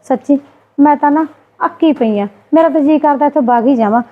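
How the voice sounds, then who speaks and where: A woman scolding her sister-in-law in a Punjabi family drama skit, indignant and quick. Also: sits high, phone-quality sound.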